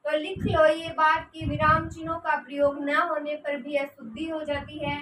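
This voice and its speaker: Woman, high voice, grammar teacher, rhetorical questions, dictating notes, distant mic, noisy. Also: flat delivery, moderate pace, fairly bright tone, echoey room. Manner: asks rhetorical questions and answers them. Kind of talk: grammar lesson.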